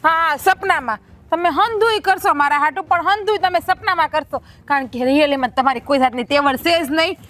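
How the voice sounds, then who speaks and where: A woman's voice: sits high, brisk, a bit bright. An actress playing a proud young wife who taunts and scolds her husband. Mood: scolding. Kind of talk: village family drama.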